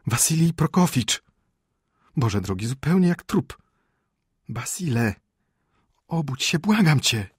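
High shrill frightened wife, pleading and indignant, storybook reading, dry close sound. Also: male voice, very animated, slow pace, pauses often, slightly rough, no echo, exaggerated voice. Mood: panicked. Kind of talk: audiobook character voice.

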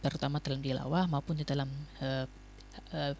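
Young man from Indonesia on a campus radio talk show, a guest speaking in measured explanations, his pitch at an ordinary middle height, pausing often to gather his words. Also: steady tone, gravelly, darkish tone, slight background noise. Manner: measured explanations with frequent fillers. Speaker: student club guest.

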